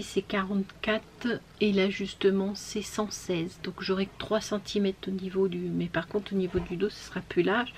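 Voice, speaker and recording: A woman chatting casually while showing her knitting, with many fillers, often trailing off into soft murmurs and whispers. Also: mid-range voice, slight background noise. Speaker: knitting vlogger.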